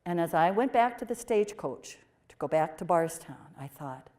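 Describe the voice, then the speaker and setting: A woman portraying a pioneering 1830s nun, telling her story in the first person with expressive swings from emphatic to hushed. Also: fairly low pitch, moderate pace, lightly acted. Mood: earnest. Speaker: performer of a historical portrayal.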